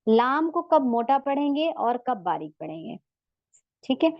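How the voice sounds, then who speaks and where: A woman gives a recorded online lesson in a high, unhurried voice. She repeats each sound patiently as a drill and keeps checking in with her learners. The recording is dry and slightly dull. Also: very animated, no room sound. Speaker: Tajweed teacher.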